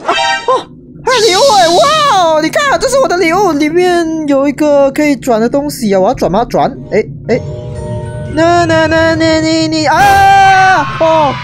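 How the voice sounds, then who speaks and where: A young woman, her high voice jumping into shrieks and English exclamations as she plays. Her let's play commentary runs over loud background music. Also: normal speed. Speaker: gaming YouTuber.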